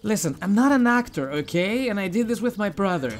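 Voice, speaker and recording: A man hosting a casual video game playthrough, reacting and thinking out loud as he goes. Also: high voice, animated, fairly quick. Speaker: gaming video host. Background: game music.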